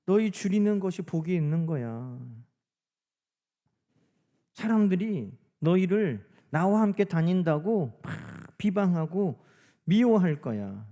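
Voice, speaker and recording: A pastor voicing a quiet, gentle teacher. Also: male voice, a little high. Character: calm, gentle male teacher speaking to disciples.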